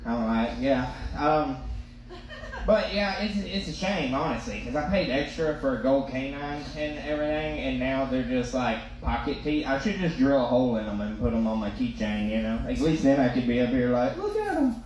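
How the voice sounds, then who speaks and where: A man's voice: medium pitch, moderate pace. A man doing stand-up comedy storytelling, with toothless, slightly slurred articulation and an informal, self-deprecating, rambling delivery. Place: live comedy stage in a reverberant room. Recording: echoey room, loud background noise.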